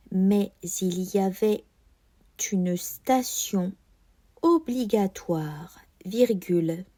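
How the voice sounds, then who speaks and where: A woman dictates a text like a schoolteacher, extremely slowly and deliberately. Her tone is soft and mellow, with careful articulation. The pitch moves expressively through each measured phrase. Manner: careful, deliberate enunciation with marked liaisons. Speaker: teacher giving a dictation. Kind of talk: dictating slowly, repeating phrases and speaking punctuation aloud.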